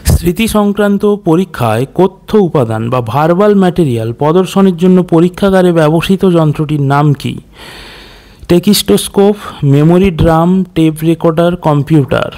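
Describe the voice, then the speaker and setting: A man's voice: a little high, dark tone. A man leading an exam quiz lesson, reading questions and options, then explaining the answers, with English terms mixed in. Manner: mixes in English terms, clears throat now and then. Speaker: exam prep teacher.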